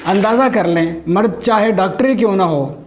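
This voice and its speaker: A man whose voice sits high performs a stand-up monologue at normal speed, with some chatter in the background of the noisy recording. He delivers his jokes dryly while the audience laughs along.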